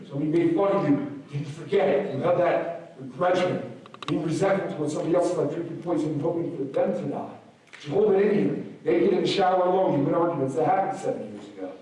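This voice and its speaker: A slightly hoarse man giving an energetic motivational speech to a school assembly, swinging between loud peaks and soft asides. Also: a little high, recorded from a distance. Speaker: motivational speaker. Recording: very echoey hall, recorded from afar.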